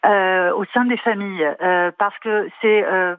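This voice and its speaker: A woman's voice: mid-range voice, fairly even intonation, measured pace, no room sound. A woman calling in to a radio show over the phone, talking earnestly with many hesitations. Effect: phone line. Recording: tinny phone line.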